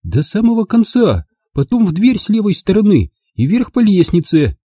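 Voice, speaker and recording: A man voicing an excitable, indignant young woman in an audiobook, talking in high, insistent exclamations. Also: normal speed, breathy edge, no echo, clean studio sound, exaggerated voice. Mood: whispered.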